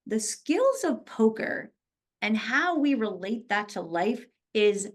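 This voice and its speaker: A woman talking as a poker pro guest in a casual podcast interview, telling lively stories and acting out what people said. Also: a little high, takes it slowly. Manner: animated storyteller, acts out quoted dialogue.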